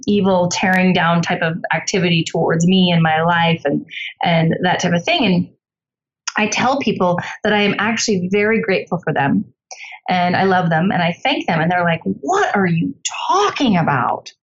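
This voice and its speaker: A middle-aged woman guesting on a casual podcast, telling stories animatedly and jumping up in pitch when she quotes people. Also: normal speed, muffled recording.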